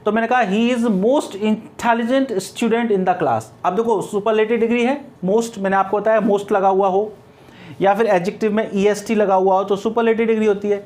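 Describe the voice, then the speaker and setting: A man's voice: high voice, steady tone, moderate pace, darkish tone. A middle-aged man with an Indian accent teaching English grammar, explaining step by step and answering his own questions. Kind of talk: classroom grammar lecture.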